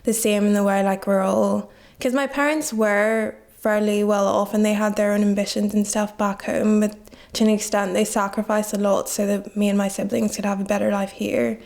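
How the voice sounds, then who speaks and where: Appearing as a guest in a relaxed interview, this nineteen-year-old woman from Nigeria speaks reflectively and says "like" a great deal. Her voice is mid-range and a little mellow, with vocal fry and little pitch movement, at a moderate pace.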